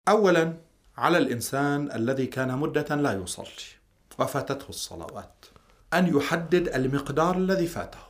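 Fast-talking male cleric explaining in formal Arabic. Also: a little high, animated. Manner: explanatory, repeats key points. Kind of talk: religious question-and-answer in formal Arabic.

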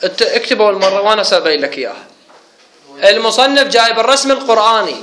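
A man teaches a grammar lesson to a room of students. His voice sits high and sounds bright and forceful, and the room gives it a strong echo. He explains each point and stops to quiz the class. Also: racing. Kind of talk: classroom lecture. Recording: echoey room.

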